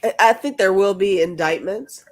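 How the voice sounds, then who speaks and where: A woman reading divination cards in a casual group chat, halting with restarts. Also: mid-range voice. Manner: halting, restarts, laughs often. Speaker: card reader.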